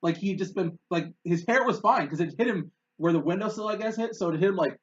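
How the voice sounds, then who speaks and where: A man's voice: high voice, quick pace, highs cut off. A man co-hosting a podcast, telling a story in a loose, rambling way with frequent laughs. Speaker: podcast co-host. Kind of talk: casual chat.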